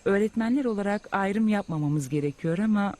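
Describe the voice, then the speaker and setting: A woman's voice: mid-range voice, a little fast, mellow, close to an everyday voice. A woman voices a courteous schoolteacher, polite and apologetic, speaking plainly and carefully. The delivery is clean, as dubbed for a film. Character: polite female schoolteacher on a home visit. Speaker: teacher. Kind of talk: film dubbing.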